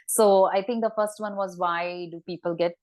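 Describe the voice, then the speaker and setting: Woman guest, dietitian, lower voice, agreeable, lays out points one by one. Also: fairly even intonation, normal speed, darkish tone. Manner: agreeable, explains step by step. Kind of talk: conversational interview.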